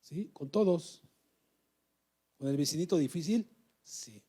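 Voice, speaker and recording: A man preaches in a church, his voice mellow and warm, sitting a little high for a man. He exhorts and keeps turning to the congregation with questions. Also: takes it slowly, husky. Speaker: pastor. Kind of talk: sermon.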